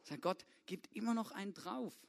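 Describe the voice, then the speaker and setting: A man's voice: high-pitched, moderate pace, creaky, darkish tone. A young man preaching a casual youth sermon, full of slang and often asking the listeners to agree. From Swabia, Germany. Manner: casual, informal, keeps asking "oder?".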